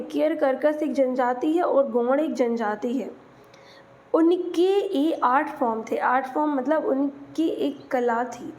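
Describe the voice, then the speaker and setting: A woman's voice: high voice, mellow. A woman teacher giving an exam-prep lesson, patiently explaining English words in Hindi and spelling them out letter by letter.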